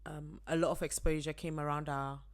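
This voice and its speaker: Co-hosting a casual podcast with her husband, a woman with a notably low voice chats in a relaxed way, speaking a little fast and laughing easily.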